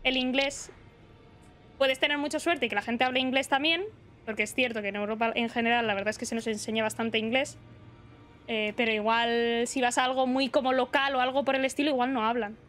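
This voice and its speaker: A woman's voice: fairly high pitch, fairly even intonation, a little fast, fairly bright tone, soft background music. A young woman streamer from the Basque Country chatting casually and rambling while gaming. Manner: chatty, reads chat aloud, rambling.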